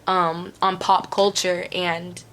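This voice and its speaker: A woman's voice: fairly low pitch, flat delivery, slow pace, a bit bright. A woman answering viewer questions in a casual, candid way, repeating phrases for emphasis and swearing freely. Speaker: host of a Q&A.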